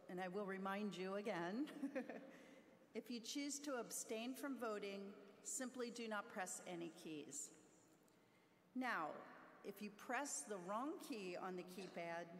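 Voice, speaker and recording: A middle-aged woman giving cheerful instructions at a convention podium, laughing now and then. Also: mid-range voice. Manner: upbeat, laughs between instructions. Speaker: convention presenter. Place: large convention hall stage. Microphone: podium microphone. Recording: long hall reverb, faint crowd noise.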